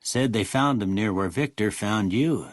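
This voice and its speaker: An older male actor voicing a kindly, wry small-town doctor in a video game, with a folksy American rural Western drawl and a raspy voice. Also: fairly low pitch, no echo, studio quality, close to an everyday voice. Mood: calm, measured. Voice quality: raspy, gravelly. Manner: folksy, unhurried, plainspoken. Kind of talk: video game character dialogue.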